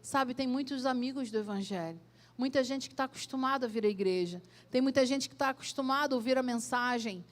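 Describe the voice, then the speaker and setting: A woman pastor with a Brazilian accent preaching a sermon in a church, asking direct questions and swelling loud then dropping soft. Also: sits high, fairly quick. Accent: Brazilian Portuguese.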